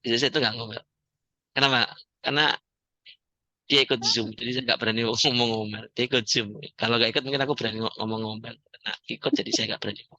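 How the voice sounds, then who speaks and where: A man giving a joking, animated motivational talk to an audience as the founder of a community. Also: mid-range voice, fast talker, no room sound, highs cut off. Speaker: founder and coach of a debt-free community.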